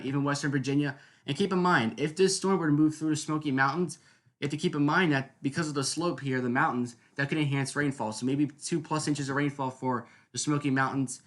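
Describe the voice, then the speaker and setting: Here the man's pitch sits in the middle range and his tone is fairly bright. He explains the weather on a live stream in a loose, conversational manner, frequently turning to his audience and looking for their agreement.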